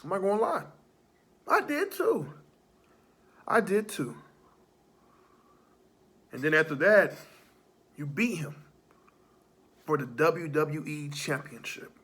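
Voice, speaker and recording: A man delivering a dramatic wrestling promo, taunting a rival directly and swinging between low menace and loud outbursts. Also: very animated, slow pace, long pauses, husky.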